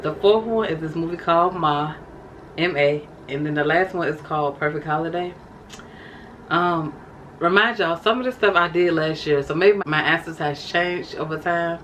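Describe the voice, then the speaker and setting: A woman's voice: low voice, normal speed, fairly bright tone, slight background noise, rough recording. A young woman vlogging casually, reading from her journal and calling her viewers y'all. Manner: chatty, addresses viewers as y'all.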